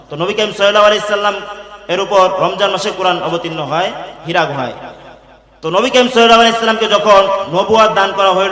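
A young man preaching a waz sermon, moving from quick plain storytelling into loud, slow chanted rises. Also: high-pitched. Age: young adult. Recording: echoey reverberant hall.

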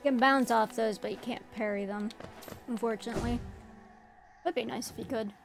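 A woman's voice: on the high side, fairly even intonation, a little fast, vocal fry, music in the background. A woman streaming a game, chatting casually with her viewers, giggling often and greeting them by name. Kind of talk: casual livestream gameplay chat.

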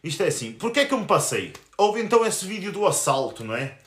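A man's voice: high voice, sing-song, fast, a bit bright. A man in his twenties with a European Portuguese accent, ranting angrily and crudely on a live stream as a YouTuber. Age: 20s. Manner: angry, crude, confrontational. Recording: roomy echo.

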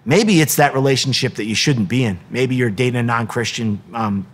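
A man's voice: mid-range voice, brisk, slightly rough. A middle-aged man, a wrestling coach, giving an earnest devotional talk with many ums and restarts, sometimes acting out the voices he quotes.

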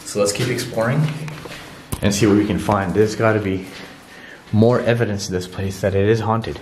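Man, thirties, lowish voice, casual exploration vlog host, handheld camera, noisy sound. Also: fairly even intonation, normal speed, a little mellow, echoey room. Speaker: vlogger and urban explorer host. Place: empty abandoned building indoors at night. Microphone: handheld camera at arm's length.

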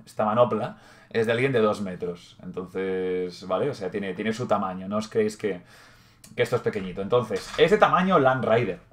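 Chatty young Spanish hobby vlogger. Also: male voice, fairly low pitch. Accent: Spain Spanish. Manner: chatty, rambling, self-correcting, casual swearing. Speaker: channel host. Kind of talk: casual hobby vlog.

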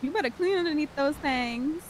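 A woman's voice: high-pitched, normal speed, slight background noise, rough recording. A woman in casual in-character roleplay banter who reacts with squealing, incredulous questions.

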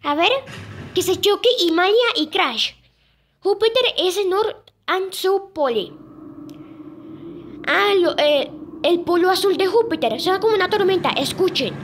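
A very high, childlike girl's voice talks in short halting bits, pausing often and repeating herself as she presents each sound clip. A faint hiss sits under the recording. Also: expressive, fairly bright tone. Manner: halting, repeats "escuchen" and "o sea". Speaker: video creator presenting moon sounds. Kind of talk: casual narration over sound clips.

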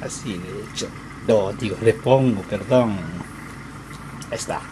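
A man whose first language is Japanese, showing how to cook at home in halting, broken Spanish and often stopping to search for words. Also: on the low side. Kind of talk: casual cooking demonstration. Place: home kitchen. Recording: noisy home recording.

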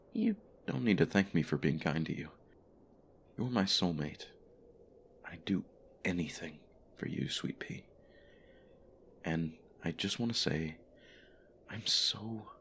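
Man playing a very deep, gushingly doting husband. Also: creaky, breathy edge, exaggerated voice. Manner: gushing, smothering affection with pet names. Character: doting possessive husband, sweet-talking and clingy. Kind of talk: soft intimate audio role-play. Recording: faint background ambient noise.

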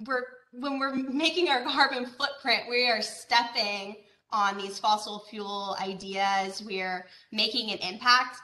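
A woman's voice: mid-range voice, sharp tone, echoey room. A woman from Georgia giving an online presentation as an agricultural educator, talking conversationally with fillers and rhetorical questions over a video call. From Georgia, USA.

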